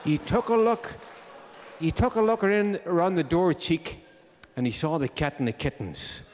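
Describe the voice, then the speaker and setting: A man's voice: on the high side, animated, moderate pace. A man, hosting a live music show and telling a comic story to the audience with droll timing. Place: live concert hall. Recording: long hall reverb from a live venue.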